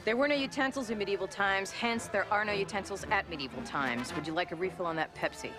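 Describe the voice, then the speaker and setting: A woman acting a snotty, sassy waitress, deadpan. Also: medium pitch, fairly quick, music in the background, lightly acted. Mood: snotty, dismissive. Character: snotty, bored waitress playing a medieval serving wench. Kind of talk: film comedy acting.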